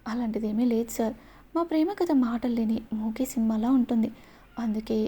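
Woman voicing a devoted young male hero, earnest, eager, light mellow tone. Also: on the high side, steady tone, normal speed, slightly rough.

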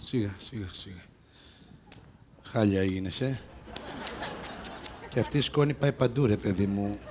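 A man's voice: fairly low pitch, noisy background, close to an everyday voice. An actor playing a bossy police self-defence instructor in a live stage comedy sketch, mocking and scolding his fellow players. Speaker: comic actor and sketch lead. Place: open-air theatre stage.

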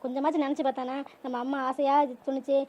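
A woman voicing a shrill, scolding cartoon mother-in-law. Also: flat delivery, dull audio, lightly acted. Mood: lamenting. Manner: loud, rapid, lamenting scolding. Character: scolding, self-pitying middle-aged mother-in-law. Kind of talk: cartoon family drama voice acting.

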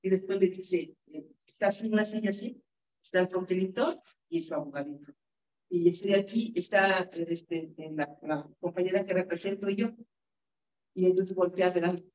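A woman's voice: lowish voice, darkish tone. A woman with a Mexican Spanish accent teaching a workshop as a lawyer, in an informal lecture style full of anecdotes, often tagging her sentences with "¿no?". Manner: chatty, tags questions with "¿no?", digresses into stories. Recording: dull lo-fi recording.

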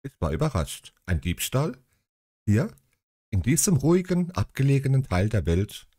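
A man's voice: mid-range voice, sing-song, moderate pace, mellow, dry recording, clean studio sound. A man reading a bedtime story aloud and breaking off into chatty, sarcastic asides.

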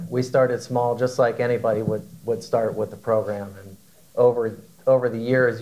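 A man in his forties answers a question on a panel in a large conference hall. His voice sits low, and he talks in a measured, hesitant way, repeating words and filling pauses with "um.". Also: a little mellow. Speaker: panelist, aviation operator.

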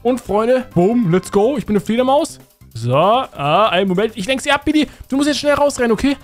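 A man hosting a Minecraft role-play video, talking eagerly to his audience. His voice sits high and bounces through a very lively range. Faint music plays underneath. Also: brisk. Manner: excitable, addresses viewers constantly. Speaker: host.

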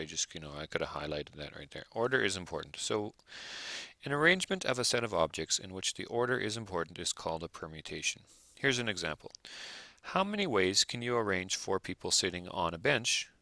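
A male math teacher working through examples aloud, thinking out loud and checking in with rhetorical questions. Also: fairly low pitch, no echo. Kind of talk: recorded lecture over worked examples.

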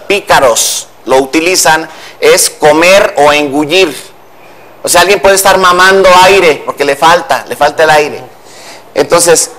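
A man's voice: fairly high pitch, fairly bright tone. A man from Mexico, a language commentator on a TV news show, patiently explaining spelling rules step by step in a studio.

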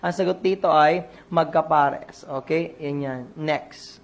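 A coach leads an online exam review. The voice has a gravelly, fry-edged texture at a middle pitch. The coach quizzes the listeners and repeats each answer. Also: fairly even intonation, slow.

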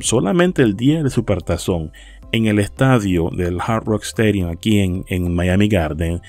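A YouTube host from South Florida shares rideshare and delivery tips in a casual, informative vlog over stock footage. His voice is fairly low and darkish, and he's chatty and friendly, calling viewers his friends and often restarting phrases.

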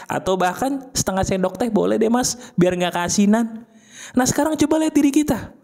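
A man's voice: high voice, expressive, brisk, gravelly, darkish tone. A man giving a casual motivational talk straight to the viewer, repeating his key points and asking the listener questions. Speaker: motivational speaker.

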